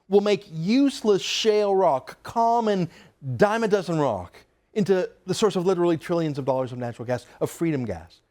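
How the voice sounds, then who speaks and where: A man's voice: high voice, a little mellow. Emphatic, sarcastic male TV commentator. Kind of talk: TV opinion monologue.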